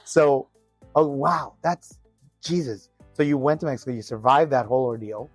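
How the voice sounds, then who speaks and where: A man hosts a relaxed interview and keeps the talk going with quick, encouraging remarks. His tone stays casual and conversational. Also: medium pitch, vocal fry, dry recording, soft background music. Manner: encouraging, frequent affirmations. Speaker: podcast host.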